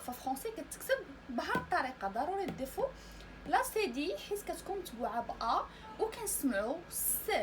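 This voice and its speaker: A woman with a Moroccan Arabic accent teaching French pronunciation in a recorded lesson, spelling out letters and sounds slowly and repeating each word. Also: high-pitched, slight background noise, poor audio.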